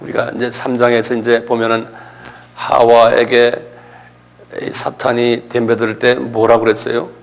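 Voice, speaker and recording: A man's voice: mid-range voice, completely flat delivery, fairly quick, vocal fry, hardly any pauses. A pastor giving a conversational sermon lecture, often asking his listeners questions. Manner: conversational preaching with rhetorical questions.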